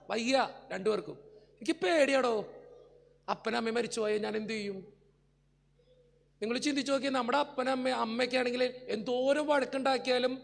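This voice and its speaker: Man, priest, emotional sermon, earnest and pleading, rough gravelly voice, long hall reverb. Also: extremely high pitch. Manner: earnest, pleading, speaks straight to the congregation. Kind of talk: emotional sermon with personal stories.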